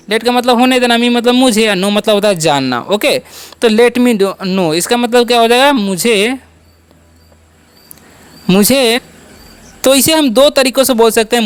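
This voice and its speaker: A man's voice: high voice, a bit bright, clear, resonant tone. A man teaching English pronunciation, who spells words out letter by letter and asks and answers his own questions. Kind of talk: spoken English lesson.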